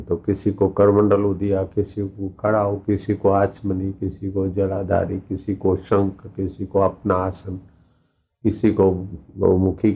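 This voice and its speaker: A low-voiced man preaches a devotional sermon and tells its story vividly, stacking repeated words for emphasis. The recording sounds dull and lo-fi. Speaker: spiritual teacher.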